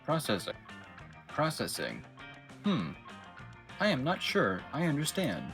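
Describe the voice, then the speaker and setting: A man voicing a stiff male robot that glitches and gets stuck processing, read in a flat, halting way. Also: on the high side, soft background music, full character voice. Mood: glitching. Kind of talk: reading a game character aloud.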